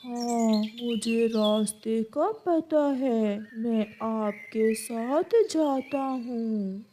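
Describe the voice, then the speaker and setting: A woman voicing a helpful male firefly neighbor in a children's cartoon, calm and concerned. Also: a little high, extremely slow, a little hiss or hum.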